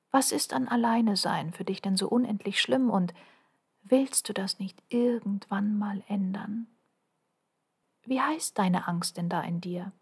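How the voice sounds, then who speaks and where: A woman's voice: medium pitch, gravelly, darkish tone, breathy edge. A woman reading her own first-person motivational text aloud, earnest and intimate, often dropping to a half-whisper and pressing the listener with urgent questions.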